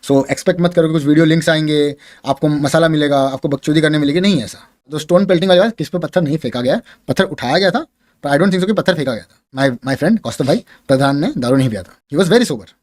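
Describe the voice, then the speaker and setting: Male streamer: fast, emphatic, casual talk. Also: on the high side, a little mellow. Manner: emphatic, mixing English phrases into Hindi. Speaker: gamer streamer.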